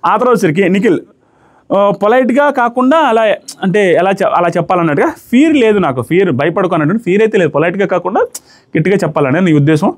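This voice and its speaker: Fast-talking high-voiced male reviewer. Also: expressive. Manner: rapid, analytical, mixes in English phrases. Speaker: reality show reviewer. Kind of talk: casual commentary to camera.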